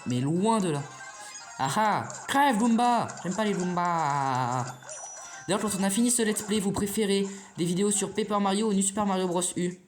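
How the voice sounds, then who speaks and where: A man's voice: high-pitched, brisk, faint music behind. A man giving casual, rambling commentary on a video game as a let's play host, chatting to his viewers and swearing now and then.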